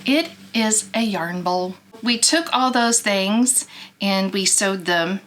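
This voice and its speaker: A woman's voice: mid-range voice, lively intonation, takes it slowly, fairly bright tone, a little hiss or hum. A woman giving a casual craft show-and-tell, chatty and playful with folksy asides. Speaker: craft vlogger presenting finished makes.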